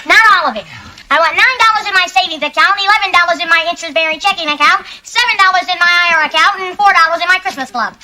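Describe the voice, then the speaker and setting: An actor playing a nerdy, lovesick young man with a nasal, squeaky voice and an eager, oblivious manner in a broad sitcom. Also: fast talker, exaggerated voice. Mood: gleeful. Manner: cutesy pet names, eager and oblivious. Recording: noisy sitcom soundstage with loud studio audience.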